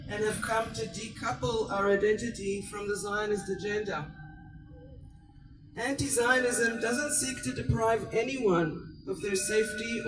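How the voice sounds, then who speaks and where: A woman born in Israel, giving an earnest, measured prepared speech at an outdoor protest rally. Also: mid-range voice, recorded from a distance, low-quality recording. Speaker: rally speaker.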